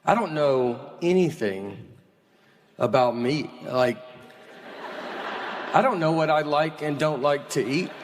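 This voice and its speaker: Deadpan man doing stand-up. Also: a little high, music in the background. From American South. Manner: deadpan, slow, bemused storytelling. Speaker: stand-up comedian. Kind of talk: stand-up comedy routine. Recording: live theater with audience laughter.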